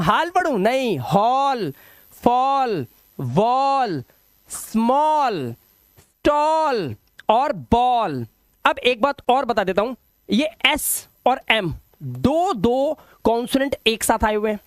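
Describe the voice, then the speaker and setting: A man teaching English pronunciation rules in an online lesson, emphatic and drilling each sound slowly by repetition. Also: extremely high pitch, no echo, clean studio sound.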